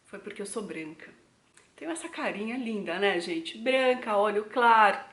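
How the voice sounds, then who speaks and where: A woman's voice: mid-range voice, animated, moderate pace, a bit bright. A young Brazilian woman with a Brazilian Portuguese accent, chatting reflectively to her viewers in a casual vlog. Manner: chatty, addresses viewers directly as "gente". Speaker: travel vlogger. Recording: echoey room.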